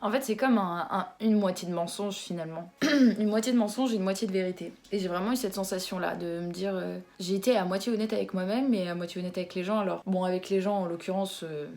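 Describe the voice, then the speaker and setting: A woman's voice: medium pitch, fast, a little mellow. A woman in her twenties talking frankly in a casual vlog. She swears now and then and uses many fillers, recorded on a phone camera. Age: 20s. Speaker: vlogger. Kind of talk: casual confessional vlog chat.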